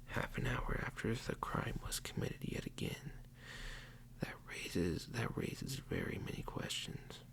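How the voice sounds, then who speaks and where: In a mid-range, gravelly whisper, a man plays out a mock police interrogation as ASMR roleplay, slowly and teasingly accusing the listener.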